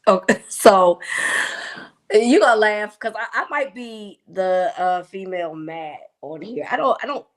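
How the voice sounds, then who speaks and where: A woman's voice: medium pitch, lively intonation, measured pace. A woman talking baseball as a podcast guest in casual chat, rambling with frequent restarts and easy laughter.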